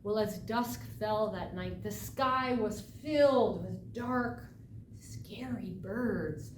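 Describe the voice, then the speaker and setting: Female oral storyteller, dramatic and unhurried, recorded from a distance in an echoey, noisy room. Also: medium pitch. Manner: dramatic, deliberate, with emphatic phrases and pauses. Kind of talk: live oral folk tale telling.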